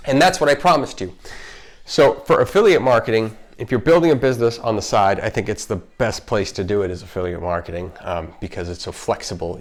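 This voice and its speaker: Low-voiced man with a slight retainer lisp. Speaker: video host, marketer. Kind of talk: casual unscripted explainer vlog. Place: home kitchen.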